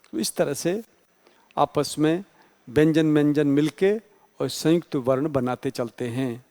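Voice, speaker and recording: A man's voice: on the high side, unhurried, a little mellow, in a large hall. A male teacher giving an exam-prep grammar lecture, explaining patiently and spelling out letters one by one.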